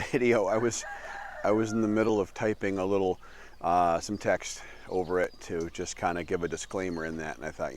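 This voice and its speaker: Under a metal roof outdoors, an older Midwestern American man who vlogs while living abroad chats casually to camera. His voice is low, with a slight hiss or hum on the recording, and he rambles, correcting himself and chuckling along the way.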